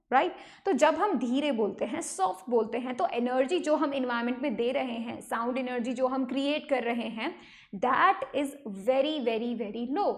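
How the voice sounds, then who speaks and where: A young woman with an Indian accent giving an online science lecture, mixing Hindi and English and often checking in with her students. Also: high voice. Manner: mixes Hindi and English, checks in with "ठीक है?" and "right?". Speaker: teacher.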